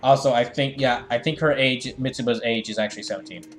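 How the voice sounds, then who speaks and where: A fast-talking man with a mid-range, slightly bright voice streams over soft background music. As host of a live fandub, he gives casual commentary, reads game dialogue, and talks with viewers in a rambling style, frequently restarting sentences.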